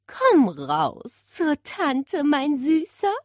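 A woman voicing a grim elderly great-aunt who speaks slowly and sternly in a storybook. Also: sits high, huge pitch swings, no room sound, clean studio sound, voice pushed up, heavily acted. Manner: slow, stern, drawn-out.

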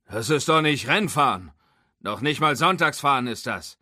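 A man voicing a gruff old male race car mentor who lectures sternly. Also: mid-range voice, expressive, moderate pace, bright, forceful tone, dry recording, clean studio sound, voice pushed up.

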